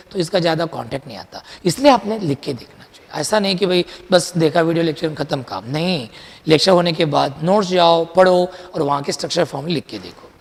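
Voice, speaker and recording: High-voiced chatty chemistry teacher. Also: male voice, creaky, in a large hall. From India. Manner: lively, chatty, mixes Hindi with English terms, quizzes students. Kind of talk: classroom lecture.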